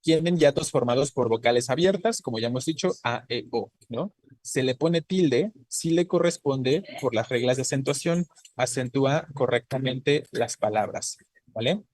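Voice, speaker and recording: During an online grammar lecture, the Spanish teacher talks at a moderate pace in a mid-range, slightly mellow voice free of echo. Patient in his explanations, he regularly checks in with students through brief tag questions.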